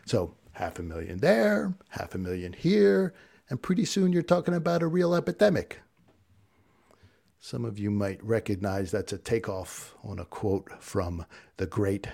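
Gravelly guy doing a solo podcast rant, preachy, rallying folks to say it with him. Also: on the low side, darkish tone. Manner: preachy call-and-response rallying. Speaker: podcast host. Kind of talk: fired-up solo podcast monologue.

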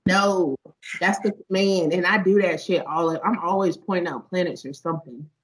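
A young woman in casual chat, slangy and animated, laughing often. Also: lowish voice, moderate pace, low-quality recording.

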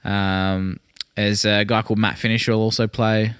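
Low-voiced Australian man chatting. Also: flat delivery, normal speed, fairly bright tone, clean tone, no room sound, clean studio sound. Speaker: podcast co-host. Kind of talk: casual music chat.

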